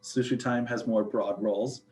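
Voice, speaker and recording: A man's voice: mid-range voice, fairly even intonation, a little slow, a little mellow, a little hiss or hum, poor audio. A young man, a student ambassador chatting casually with lots of fillers and jokes. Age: young adult. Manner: chatty, filler-heavy, joking. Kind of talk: casual chat.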